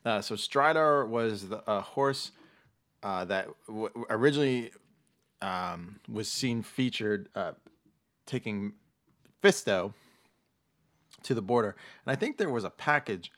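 A man hosting a casual podcast, explaining things in a halting way with frequent backtracking. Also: on the low side, animated, a bit bright. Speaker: podcast host.

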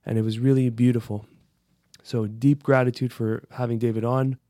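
A male podcast host introduces and signs off the show in a friendly, upbeat way. His voice is mid-pitched and the sound is very dry and close. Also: little pitch movement, normal speed, mellow, no echo.

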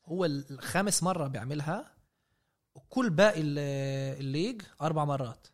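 A man's voice: a little high, fairly quick. A man with a Palestinian Arabic accent giving casual sports analysis as a podcast panelist.

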